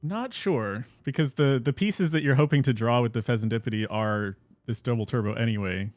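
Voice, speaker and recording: A man commentating on a competitive card game, measured and low-key. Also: a little mellow, no echo, clean studio sound, soft background music. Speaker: caster.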